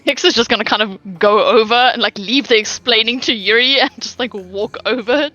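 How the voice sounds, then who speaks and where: A woman's voice: a little high, normal speed, pushed and bright, dry recording, dull audio. A woman playing a tabletop game, explaining her character's actions in a matter-of-fact way. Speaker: player.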